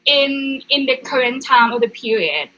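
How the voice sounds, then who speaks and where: A woman's voice: high-pitched, expressive, normal speed, pushed and bright, highs cut off. A woman giving an explanatory presentation as a student.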